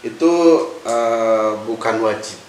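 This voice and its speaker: A man's voice: fairly low pitch, monotone. Man, preacher, casual religious talk, hesitant with fillers, faint hiss. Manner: halting, thinking aloud with fillers. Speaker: Islamic preacher. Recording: echoey room, distant mic, faint hiss.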